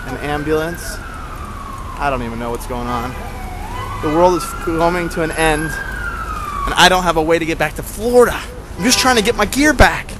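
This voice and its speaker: Holding a camera at arm's length, a man in his thirties offers sarcastic running commentary on his road trip, first on noisy city streets full of traffic, later inside a truck cab at night. He talks at a moderate pace in a fairly high voice whose pitch swoops wildly.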